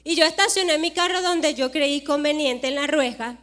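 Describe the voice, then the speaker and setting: Woman pastor, high voice, animated sermon storytelling, acts out the dialogue. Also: normal speed. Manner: animated storytelling, acting out dialogue with emphatic rises.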